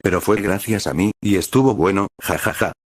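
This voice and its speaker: Un hombre que pone voz a un chico rudo y bromista, de habla campechana. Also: male voice, low-pitched, brisk, no room sound, studio quality.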